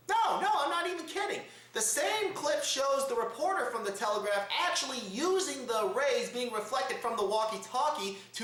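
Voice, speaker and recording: Speaking in a very high-pitched, slightly bright voice, a man hosts a comedic news show to camera with exaggerated, theatrical showmanship. It's recorded at home in a roomy, echoing space.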